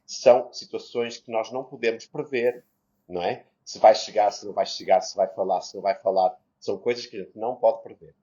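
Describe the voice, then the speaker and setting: Male co-host, warm low voice, reflective, lo-fi sound. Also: fairly even intonation, brisk. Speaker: podcast co-host. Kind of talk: casual chat, explaining. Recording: slightly muffled lo-fi sound.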